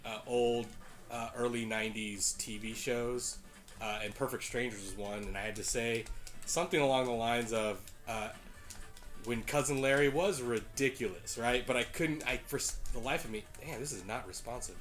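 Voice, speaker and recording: A man's voice: mid-range voice, moderate pace, a bit bright, soft background music. A man hosting a casual video game show, talking in a laid-back, teasing way with casual swearing. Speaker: host playing a video game. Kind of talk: casual gaming chat.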